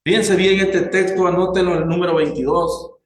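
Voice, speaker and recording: A man preaching a sermon slowly and deliberately, putting questions to his congregation. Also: high voice, fairly even intonation, echoey room, rough recording.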